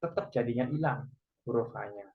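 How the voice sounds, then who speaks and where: A man's voice: medium pitch, normal speed, breathy edge. A man teaching a Korean language class online, patiently explaining each point step by step. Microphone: video call. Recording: muffled video call audio.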